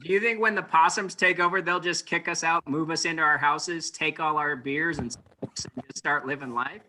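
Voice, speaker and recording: Laid-back man, very bright voice. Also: on the high side, fairly even intonation, a little fast, a little hiss or hum. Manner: laid-back, swears casually. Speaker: panelist. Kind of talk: casual storytelling banter.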